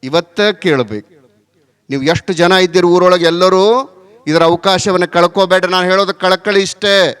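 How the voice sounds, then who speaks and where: A man's voice: high-pitched, steady tone, moderate pace, fairly bright tone, smooth. A middle-aged man with a North Karnataka accent giving a folksy village sermon, chatty and often asking the crowd rhetorical questions. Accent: North Karnataka Kannada. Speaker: religious leader giving a blessing sermon.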